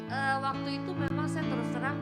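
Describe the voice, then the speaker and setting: A woman's voice: sits high, steady tone, fairly quick, music in the background. A middle-aged woman, a pastor's wife, chatting as a guest and telling her testimony with lots of quoted dialogue. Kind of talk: casual testimony chat.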